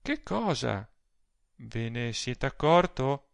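A man's voice: medium pitch, sing-song, takes it slowly, gravelly, no echo, heavily acted. A male reader voicing a proud, weary married woman in an audiobook, with curt, haughty replies.

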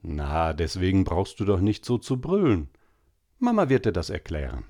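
Brief: man playing a low, curt, lecturing father losing patience, storybook reading. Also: sing-song, moderate pace, warm tone, exaggerated voice. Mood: stern. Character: stern middle-aged father, impatient.

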